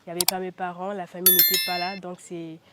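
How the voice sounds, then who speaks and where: In a very noisy recording, a young pageant winner from the Central African Republic talks fast in a lowish voice with little pitch movement. Her casual interview replies are chatty, peppered with "euh," and broken by occasional laughter.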